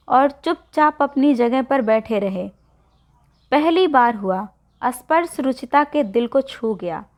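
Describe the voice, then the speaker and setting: High-voiced slow woman storyteller. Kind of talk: scripted story narration. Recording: dull lo-fi recording.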